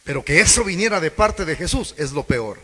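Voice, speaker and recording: A man's voice: a little high, lively intonation, a little fast, bright, forceful tone, slightly rough. A man preaching a sermon, questioning the congregation and acting out quoted voices. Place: church hall. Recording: echoey church hall.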